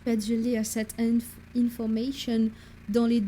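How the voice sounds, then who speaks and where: A woman voicing a courteous middle-aged British gentleman professor, speaking French with a put-on English accent in a formal, measured way while reading game dialogue aloud. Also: fairly high pitch, monotone, a little hiss or hum, natural voice.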